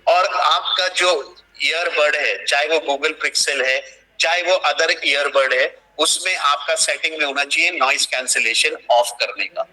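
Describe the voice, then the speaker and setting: On a low-quality recording, a young online trainer with a highish, sharp voice leads a live screen-share session at a measured pace. He talks his team through a task on a video call, repeating and restating each instruction.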